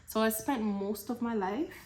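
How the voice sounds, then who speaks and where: A young woman from Cameroon answering questions in a relaxed, chatty vlog, laughing between answers. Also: a little high, moderate pace, roomy sound. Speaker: vlogger. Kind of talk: casual Q&A vlog.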